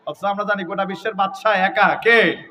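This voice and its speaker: A man preaching a loud, emphatic sermon at a mahfil, calling on the crowd to answer and chanting Quranic verses. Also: high voice, steady tone, moderate pace. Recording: voice from far off the mic.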